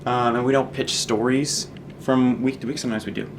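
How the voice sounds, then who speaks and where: A young man from Canada, a student managing editor answering interview questions in a relaxed, rambling way with many ums. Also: medium pitch, a little fast, background noise. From Fredericton, Canada. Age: young adult.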